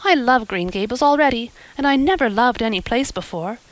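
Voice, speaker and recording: A woman's voice: fairly high pitch, animated, fairly quick, dry recording, pitched above the performer's own voice, close to an everyday voice. A woman reading aloud, voicing an eager, chattering orphan girl who gushes dreamily. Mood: eager, dreamy. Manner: breathless, dreamy, gushing.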